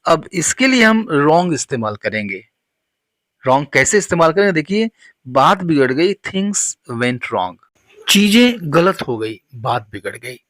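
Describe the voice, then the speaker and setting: A man teaching spoken English, saying each model sentence slowly and deliberately. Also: on the high side, a bit bright, dry recording.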